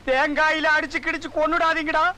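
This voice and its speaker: A bullying village sorcerer-priest. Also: male voice, very high voice, little pitch movement, brisk, background noise. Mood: ranting. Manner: scolding, insulting, mocking. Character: loud bullying male village sorcerer-priest, middle-aged, scornful. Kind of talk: 1990s film comedy dialogue.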